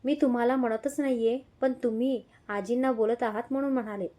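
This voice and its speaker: A woman's voice: on the high side, steady tone, brisk, dark tone, close to an everyday voice. A woman voicing a determined young wife who speaks firmly and directly in a read-aloud story. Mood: calm. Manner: firm, direct. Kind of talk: audio story reading.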